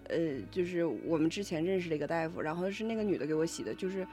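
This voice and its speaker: A woman's voice: lowish voice, fast talker, dark tone. A woman in a casual chat, asking questions and recounting experiences, repeating herself for emphasis. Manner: informal, emphatic repetition. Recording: music playing behind the talk.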